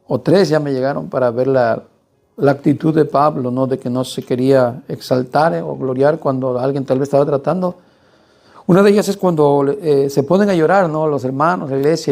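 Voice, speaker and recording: A man's voice: medium pitch, gravelly, a little mellow. A man preaching a sermon, emphatic and often turning to the congregation with rhetorical questions.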